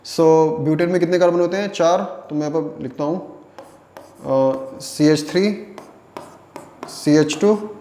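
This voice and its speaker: A man's voice: fairly high pitch, a little slow, long pauses, dark tone, a little hiss or hum. A young man teaching a chemistry lesson, asking questions and answering them himself and repeating key phrases as he writes on the board. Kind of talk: classroom lecture with board writing. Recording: echoey room.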